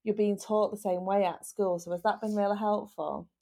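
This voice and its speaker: A woman hosting a casual podcast, gently encouraging children with long, leading questions. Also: medium pitch, steady tone, normal speed, gravelly. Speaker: host interviewing children.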